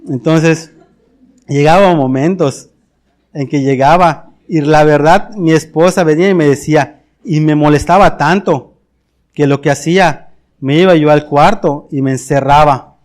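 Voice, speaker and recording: Earnest Mexican pastor preaching. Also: male voice, fairly high pitch, measured pace, darkish tone. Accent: Mexican Spanish. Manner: earnest, confessional, with repeated words and restarts. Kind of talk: sermon.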